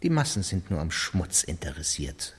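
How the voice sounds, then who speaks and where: A cold, scheming court official. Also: male voice, low-pitched, very animated, moderate pace, husky, exaggerated voice. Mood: menacing. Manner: cold, disdainful, menacing. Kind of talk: radio drama acting.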